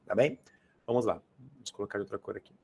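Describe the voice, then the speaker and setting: A man's voice: fairly low pitch, fast talker, creaky, a little mellow, breathy edge. A man teaching a live grammar class for exam students, in a casual, slangy way, often asking the class to confirm they follow. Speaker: Portuguese teacher. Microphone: adjustable microphone.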